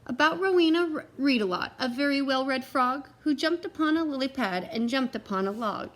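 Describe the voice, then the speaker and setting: A read-aloud teacher and storyteller with a slightly high voice reads a children's picture book at a fairly quick pace. She's expressive and aims at young listeners, adding simple explanations as she goes.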